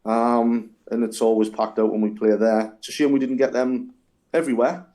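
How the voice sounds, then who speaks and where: Mellow-voiced easygoing man. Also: medium pitch, little pitch movement, moderate pace. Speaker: band member. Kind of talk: casual interview chat.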